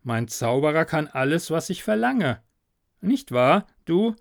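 A man's voice: on the high side, very animated, unhurried, gravelly, no room sound, studio quality, exaggerated voice. A man playing a sly, scheming young peasant.

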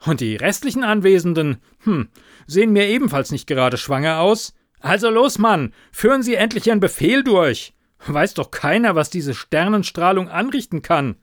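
A man voicing a bossy male police superior who gives curt, loud orders. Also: high voice, very animated, normal speed, dry recording, clean studio sound, voice pushed up. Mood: barking.

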